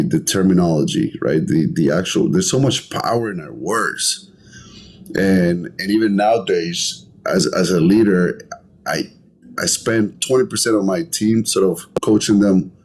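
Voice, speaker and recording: Poor audio captures a middle-aged Colombian entrepreneur in a conversational podcast interview, his low voice a little mellow and slightly rough. He speaks at a measured pace and earnestly, frequently repeating words to find his phrasing.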